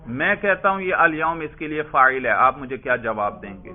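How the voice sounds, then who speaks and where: A man's voice: mid-range voice, steady tone. Man teaching grammar over a tinny line. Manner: quizzing, prompting students for answers; addresses listeners as brother. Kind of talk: classroom lesson with questions to students. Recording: tinny phone-like lo-fi recording.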